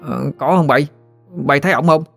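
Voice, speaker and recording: A man's voice: on the high side, moderate pace, creaky, fairly bright tone, soft background music, voice pushed up. A man voicing eager little boys who clamor insistently.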